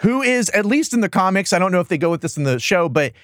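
A man's voice: sits high, big pitch swings, fast, fairly bright tone, no room sound, clean studio sound. An American man chatting casually as a podcast host, with a sarcastic, incredulous, joking manner. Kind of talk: casual comedic chat about old cartoons.

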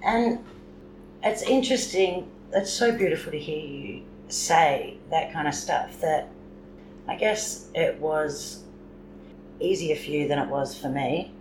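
A woman's voice: sits low, slow. A woman in her forties co-hosting a podcast, affirming and reflective as she responds to her guests. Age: 40s. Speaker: podcast co-host. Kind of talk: supportive conversation. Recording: roomy with clear background noise.

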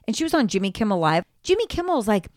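A middle-aged woman co-hosting a casual chat, animated and quick to swear and mimic others. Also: medium pitch, no echo, clean studio sound. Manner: animated, swears freely, mimics people she discusses. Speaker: podcast co-host.

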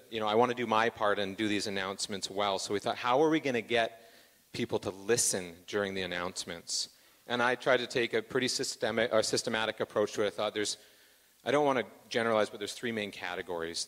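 A man's voice: on the low side, fairly bright tone, big-room sound. A man hosting church announcements in a joking, self-deprecating way, with plenty of fillers. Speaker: church host doing announcements. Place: church sanctuary.

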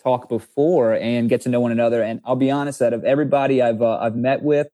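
A man's voice: medium pitch, fairly even intonation, fast, warm tone, no echo. A man hosting an interview, eager and stammering, repeating his words as he talks. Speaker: podcast host. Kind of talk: casual interview talk.

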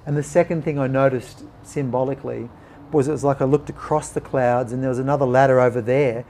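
A man talks as a podcast guest. His voice sits at a middle pitch with a gravelly rasp. He tells his story in an animated way and acts out the other people in it. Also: fast talker. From Australia. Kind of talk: personal storytelling in conversation.

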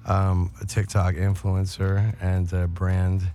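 Deep, even-toned man hosting radio. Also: slow, soft background music. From New York. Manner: rambling, hesitant, agreeable. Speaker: radio show host. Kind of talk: casual radio interview.

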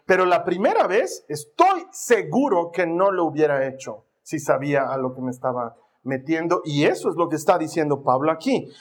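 A male preacher with a high, husky voice that swoops up and down as he tells a story. He plays it out with lively sound effects in a storytelling sermon style. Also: normal speed.

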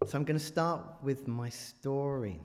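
An English man preaching as a guest at a large church delivers a joking, conversational talk and questions the audience along the way. His medium-pitched voice has a darkish tone and a measured pace. The church hall echoes noticeably.

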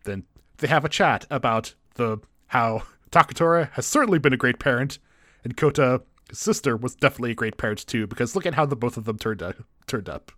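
A man's voice: medium pitch, brisk, bright, forceful tone, no echo, studio quality. A man co-hosting a casual chat, recapping a TV episode and paraphrasing the characters' lines with jokes and laughs. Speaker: podcast co-host.

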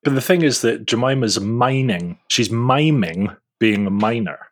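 A man casually chatting on a podcast, teasing the others and quick to laugh. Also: medium pitch. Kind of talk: casual chat.

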